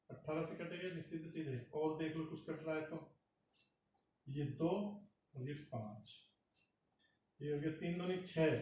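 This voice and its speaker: A man's voice: a little high, a little mellow, a little hiss or hum. A man teaching chemistry, working a problem step by step and doing the arithmetic aloud. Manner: slow, talks through arithmetic aloud. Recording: roomy echo from far off the mic.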